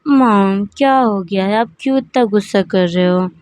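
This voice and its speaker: A woman's voice: medium pitch, moderate pace, darkish tone, clear, resonant tone, no echo, close to an everyday voice. Woman doing a tired, pleading young son. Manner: pleading, defensive, restless questions. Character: tired young man, worried and defensive son.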